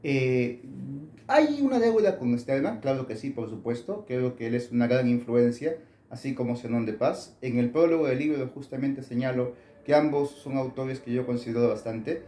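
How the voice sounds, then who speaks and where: A man's voice: mid-range voice, animated, normal speed, dark tone, roomy sound. A man, an author answering interview questions in a thoughtful way with many fillers and restarts.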